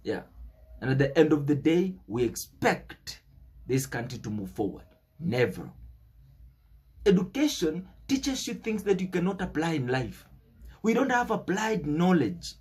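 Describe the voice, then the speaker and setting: Speaking a little slowly in a fairly high, sing-song voice that's a little mellow with a breathy edge, a young man with a Kenyan accent gives an unscripted political monologue. As a commentator, he's emphatic and preachy, stressing words and repeating phrases.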